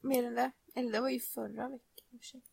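A woman's voice: fairly high pitch, level tone, gravelly, a little mellow, husky, dry recording. A young woman co-hosting a podcast, telling a story in casual chat, laughing and swearing often. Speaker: podcast co-host.

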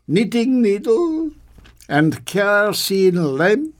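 A man's voice: high-pitched, exaggerated voice. A man playing a boastful older Russian army surgeon in a put-on Russian accent, in an acting class scene. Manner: slow, drawn-out, self-satisfied.

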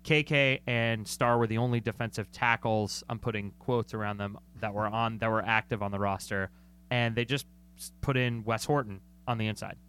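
A man's voice: lowish voice, fairly even intonation, normal speed, a bit bright, smooth. A man co-hosting a sports talk show, analyzing football in a chatty, joking way and often correcting himself mid-sentence. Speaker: sports podcast co-host.

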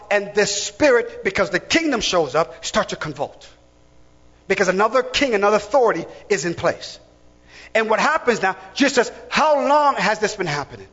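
A man with a high voice preaches a sermon, pressing his points with emphatic repetition. The sound is dull and lo-fi, with a long reverb hanging behind him. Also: fairly bright tone. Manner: rising to emphatic repeated lines.

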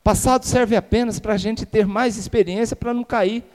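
High-voiced Brazilian pastor preaching in a hall. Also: male voice, steady tone, normal speed, darkish tone. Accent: Brazilian Portuguese. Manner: emphatic preaching with rhetorical questions and calls of amen. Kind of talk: sermon. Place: church sanctuary. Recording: reverberant church hall.

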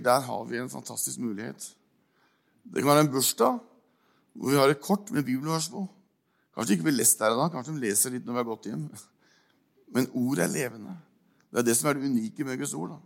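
Older guy giving a sermon, gravelly voice, stops and restarts a lot, lots of ehs. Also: medium pitch. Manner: halting, repeats words, many fillers. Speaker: preacher. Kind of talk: informal sermon with personal story.

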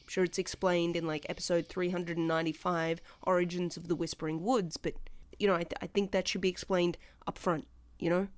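A woman's voice: fairly low pitch, level tone, fairly quick, no echo. A woman hosting a podcast, delivering a scripted monologue in an impassioned, sardonic way and speaking to the listener as player two. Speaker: podcast host.

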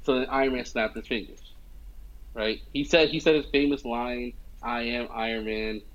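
This is casual chat from a young man who loves movies, retelling one scene after another with plenty of fillers and check-ins like "you know what I mean." He speaks at a moderate pace in a medium pitch, and the recording sounds dull.

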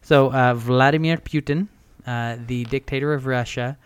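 A man co-hosting a podcast in casual chat, reading news aloud in a smooth, soothing newscaster-like way and joking often. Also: mid-range voice, steady tone, normal speed, no room sound, clean studio sound. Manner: chatty, jokey, laughs often. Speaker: podcast co-host.

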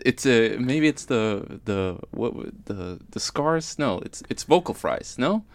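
A man co-hosting a podcast in casual chat, asking teasing questions in a halting way. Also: mid-range voice, expressive, no room sound. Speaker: podcast co-host.

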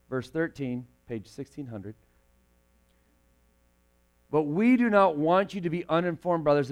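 A man with a fairly high voice preaches to a congregation in a church. He keeps it conversational with joking asides, then slows down and rises in volume when he reads scripture. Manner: casual, joking asides, swells louder and slower when reading scripture. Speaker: pastor. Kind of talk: sermon. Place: church sanctuary.

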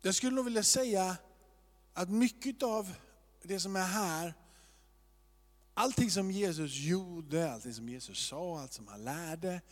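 A man's voice: high voice, animated. A man preaching a sermon as pastor, looking up verses aloud and rising to impassioned calls. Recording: long hall reverb.

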